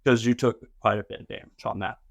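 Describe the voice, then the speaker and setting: A man's voice: on the low side, fairly even intonation, fast, gravelly, no echo, clean studio sound. A middle-aged man narrating a tabletop game as game master, describing the action step by step and explaining the rules.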